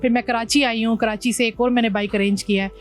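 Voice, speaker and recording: A woman's voice: on the high side, fairly even intonation, quick pace, faint music behind. A woman from Pakistan, a motorbike traveller, telling her journey in an interview, mixing English words into her speech. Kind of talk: interview conversation.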